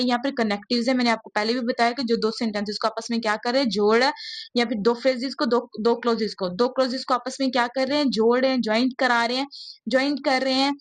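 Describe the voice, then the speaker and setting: Woman teacher asking rhetorical questions. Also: a little high. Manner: repeats rhetorical questions to students; mixes English terms into explanation. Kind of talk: exam-prep lecture.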